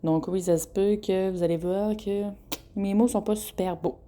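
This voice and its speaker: Chatty young Québécoise woman with a mellow voice. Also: mid-range voice, steady tone, moderate pace. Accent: Québécois French. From Quebec. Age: 20s. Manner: chatty and frank, laughs often between phrases, stumbles over words. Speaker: podcast host. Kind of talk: casual solo podcast monologue.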